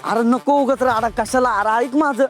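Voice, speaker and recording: An actor playing a poor, jittery tea-stall owner who pleads theatrically. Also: male voice, very high voice, steady tone, normal speed, faint music behind. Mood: fretful.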